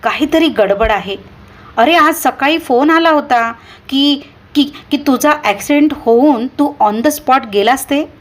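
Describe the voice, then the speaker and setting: A woman's voice: sits high, expressive, a little slow, voice pushed up. A woman reading aloud, voicing an agitated middle-aged male teacher who exclaims in a raised voice. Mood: shocked.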